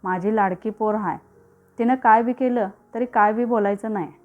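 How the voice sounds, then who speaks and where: A woman's voice: mid-range voice, steady tone, moderate pace, phone-quality sound, close to an everyday voice. A woman voicing a middle-aged village landowner father who spoils his daughter, speaking in rural dialect. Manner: rural Marathi dialect speech.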